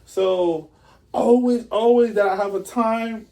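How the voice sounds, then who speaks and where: Man, lively and high. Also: slow, vocal fry. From Puerto Rico. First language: Spanish. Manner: animated, acts out quotes, says bro. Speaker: musician guest. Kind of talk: casual interview.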